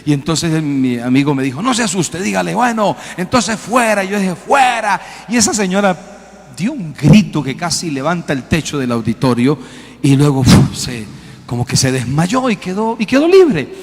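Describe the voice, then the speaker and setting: Male pastor, lively storyteller who acts out voices; higher register, long hall echo. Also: moderate pace. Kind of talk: sermon with storytelling.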